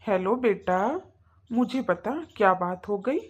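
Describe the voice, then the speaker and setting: A woman voicing a calm, sensible middle-aged father in a cartoon, reasoning patiently. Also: medium pitch, measured pace, close to an everyday voice. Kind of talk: cartoon voice acting.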